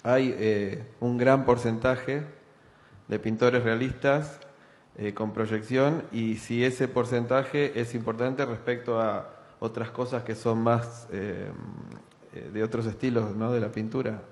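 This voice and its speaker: A man with an Argentine accent asking a long question from the audience, filling pauses with "eh". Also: mid-range voice, fairly even intonation. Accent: Argentine Spanish. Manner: fills pauses with "eh", drawn-out question. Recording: reverberant auditorium.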